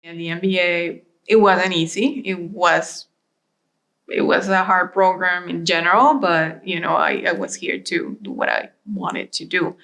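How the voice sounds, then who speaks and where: A woman's voice: on the low side, steady tone, measured pace, fairly bright tone, low-quality recording. A young woman from Venezuela recalling her studies in an oral history interview.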